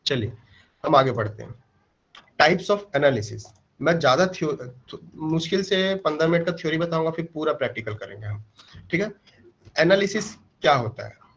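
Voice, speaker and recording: A man with a fairly high voice teaches a live online trading class on a close mic. He explains step by step, asks himself questions and checks whether the class follows. The audio sounds dull and lo-fi. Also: lively intonation, normal speed, fairly bright tone, breathy edge. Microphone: mic placed close.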